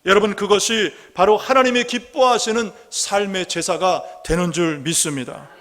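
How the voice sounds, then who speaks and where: A man preaching a Sunday sermon as pastor, earnest, asking rhetorical questions and slowing down to read scripture aloud. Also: sits high, a bit bright. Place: church sanctuary. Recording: long reverb of a church hall.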